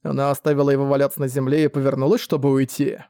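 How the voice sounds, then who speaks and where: Mellow-voiced male audiobook narrator. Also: medium pitch, flat delivery, rapid-fire, clean tone, no echo, studio quality. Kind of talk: scripted narration.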